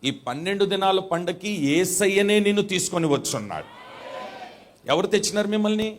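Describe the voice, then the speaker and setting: A man with a high-set voice preaches a revival sermon from the stage of a church hall. He chants the same phrases again and again, with each one landing harder, and keeps urging the congregation to repeat after him and answer louder. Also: expressive, brisk. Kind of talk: revival sermon with call-and-response.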